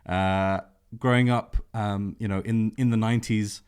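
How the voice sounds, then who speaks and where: A man's voice: lowish voice, steady tone, a little slow, a little mellow, smooth. A man hosting a podcast interview, talking in a loose, enthusiastic way. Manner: enthusiastic, full of fillers and restarts. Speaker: podcast host. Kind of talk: casual interview talk.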